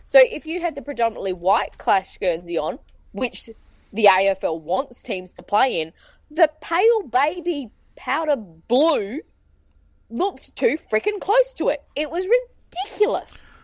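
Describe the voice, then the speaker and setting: A woman co-hosting a podcast, talking in an animated, indignant way. Her voice sits fairly high and swings widely in pitch. The recording is dry and close. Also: measured pace, dry recording. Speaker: podcast co-host. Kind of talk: casual chat.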